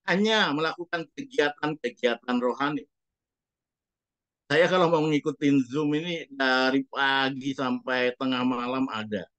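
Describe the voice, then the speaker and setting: A man's voice: mid-range voice, unhurried, a bit bright, no echo, dull audio. A man preaching a sermon as a pastor, speaking emphatically and putting rhetorical questions to the congregation.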